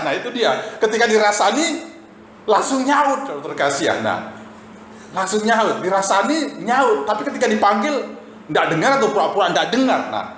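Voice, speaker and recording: A man preaching a sermon to his congregation, telling lively stories and often repeating a tag phrase to the listeners. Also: high voice, slight background noise. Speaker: pastor. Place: church sanctuary. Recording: echoey church hall, faint ambience.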